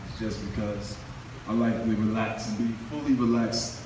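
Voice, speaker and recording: A man with a mellow, dark voice gives an earnest, conversational talk to a crowd. He is heard from far off in a roomy hall with a long echo and faint ambience behind him. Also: on the low side, steady tone, normal speed, a little hiss or hum. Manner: earnest, conversational, repeats words. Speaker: event speaker. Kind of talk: motivational speech to a live crowd. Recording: echoey hall, recorded from far off.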